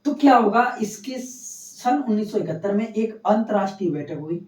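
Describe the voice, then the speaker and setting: A man's voice: sits high, expressive, normal speed, darkish tone. A male science teacher giving a classroom lecture, asking questions and answering them himself and repeating key terms. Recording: echoey room, distant dull mic.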